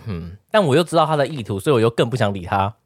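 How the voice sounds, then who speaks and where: A woman with a Taiwanese Mandarin accent chats quickly and casually on a podcast. Her pitch swings widely as she mimics the people in her stories. The sound is close and dry, with no room in it. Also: dry recording. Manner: animated, acts out others' voices. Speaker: podcast co-host. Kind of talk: casual chat.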